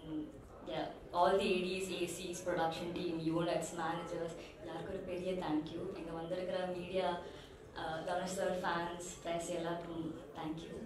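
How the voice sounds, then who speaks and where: A young actress giving a thank-you speech on stage, mixing Tamil and English and running through a list of names with fillers. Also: female voice, lowish voice, takes it slowly, background noise. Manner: flat and steady, listing names with fillers. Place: large event hall. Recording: echoey hall from far off with crowd.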